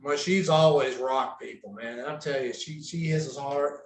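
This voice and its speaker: A man's voice: mid-range voice, moderate pace. Laid-back man telling stories in a roomy space. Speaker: guest, retired wrestler. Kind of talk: casual storytelling. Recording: roomy echo.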